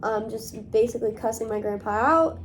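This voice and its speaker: A woman's voice: on the high side, normal speed, slight background noise. Rambling young woman, lots of fillers. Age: young adult. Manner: rambling, filler-heavy, many "like" and "um". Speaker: vlogger. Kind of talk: casual talk to camera.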